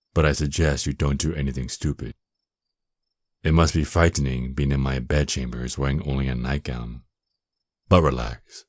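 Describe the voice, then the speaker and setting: A man acts out a dominant vampire lord in an intimate ASMR roleplay. His voice is exceptionally deep and slow, recorded close and dry. He is seductive and menacing, taunting with a possessive, mock-tender air. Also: a little mellow, no echo. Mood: softly menacing, seductive.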